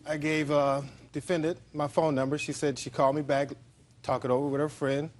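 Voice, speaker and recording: A man's voice: fairly high pitch, little pitch movement, a little fast. A man testifying as a plaintiff in a TV courtroom, plain-spoken and insistent. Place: television courtroom studio.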